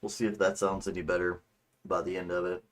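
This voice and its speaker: A man's voice: low voice, little pitch movement, quick pace. A man hosting a game livestream, chatting casually and rambling informally to viewers, with a tinny, slightly echoing sound as if in an untreated room. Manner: informal, rambling, mildly profane. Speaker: livestream host, gamer. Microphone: streaming microphone.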